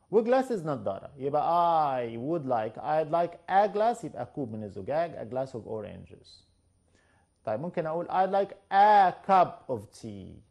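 An English teacher with an Egyptian Arabic accent, gravelly and dark in tone. He stretches his English example phrases out slowly and rattles through the explanations between them. His delivery is that of a steady classroom lesson for beginners. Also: mid-range voice. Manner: slow drawn-out English examples, quick Arabic asides.

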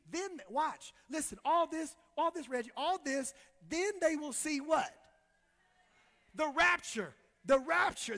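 Male pastor, high forceful voice, impassioned preaching with call-and-response and lots of repeats, long echo of a church hall. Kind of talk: sermon.

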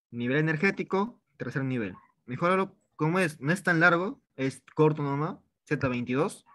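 This chemistry tutor from Peru has a fairly high, slightly bright voice, recorded without echo. Teaching an online review session in a casual way, he echoes his own words while writing out problems on the board.

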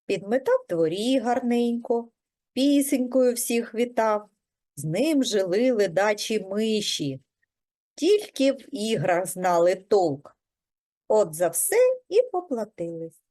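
A preschool teacher reading a folk tale aloud to young children in a gentle, expressive storytelling manner. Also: female voice, mid-range voice, takes it slowly.

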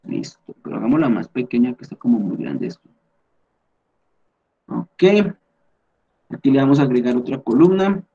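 A man's voice: medium pitch, big pitch swings, moderate pace, pauses often, warm tone, dull audio. A man teaching English in Spanish, explaining step by step, checking in often and correcting himself as he edits on screen. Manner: patient, step-by-step explaining with frequent check-ins; thinks aloud and corrects himself while editing on screen. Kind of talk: online lesson explained in Spanish.

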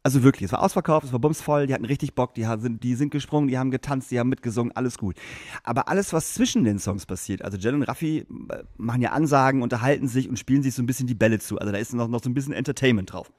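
A man at mid pitch, telling a story in casual podcast chat. He talks loosely and slangily, restarting his sentences and slipping into the voices of the people in his tale. The sound is close and dry, with no room in it. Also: very fast, no room sound. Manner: animated anecdote-telling, acting out quoted voices. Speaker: podcast co-host.

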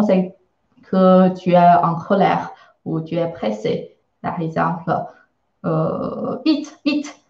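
A woman with a Chinese accent leads a live online lesson at a slow, unhurried pace, stopping often to search for words. Her patient explanations come through a roomy, slightly muffled stream recording. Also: on the low side. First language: Mandarin Chinese. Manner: hesitant, many filler sounds, patient explaining. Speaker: Chinese teacher.

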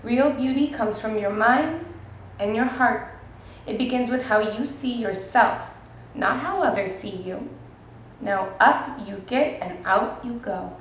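A woman's voice: a little high, takes it slowly, a little hiss or hum. A woman reading a tender, reassuring storybook mother. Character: loving, comforting mother. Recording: very echoey room.

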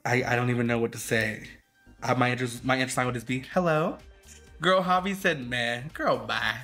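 Sassy bright-voiced drag queen gamer. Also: mid-range voice, steady tone, fast talker, soft background music. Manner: sassy, dramatic, shady slang-filled judging. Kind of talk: live gameplay commentary.

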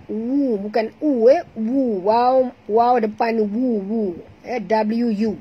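Patient Malaysian woman teaching recitation, slow. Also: a little high, fairly even intonation, breathy edge, muffled recording. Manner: patient, repeats sounds slowly and corrects pronunciation. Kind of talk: online tajwid class, explaining and demonstrating recitation.

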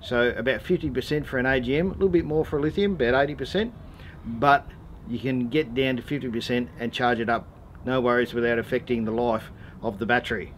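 A quick-paced, mid-range male voice belongs to an Australian in his forties hosting a how-to channel about four-wheel driving. He delivers a DIY tutorial casually and matter-of-factly, laid-back and slangy. The scene is outdoors in a driveway and around vehicles, with noticeable ambient noise.

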